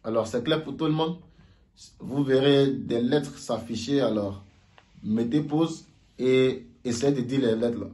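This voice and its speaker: A man giving a casual video lesson on Mandarin sounds, slowly repeating each sound aloud for learners. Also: medium pitch, dark tone. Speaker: Mandarin teacher.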